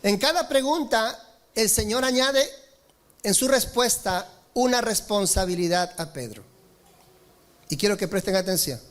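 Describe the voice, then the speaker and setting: A male pastor preaching a sermon, swinging between raised, emphatic lines and slow, low stresses, calling on the congregation to respond. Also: animated, a bit bright. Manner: preaching with rises in pitch and slowed emphatic lines, asking the congregation for amen.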